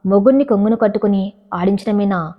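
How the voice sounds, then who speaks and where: A fiery, money-minded elder sister who shouts accusations, as a woman reading the story puts her on. Middling pitch, and the lo-fi recording gives her a dull, muffled edge. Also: fairly quick, lightly acted. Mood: accusing. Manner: shrill accusing outbursts. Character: hot-tempered greedy elder sister.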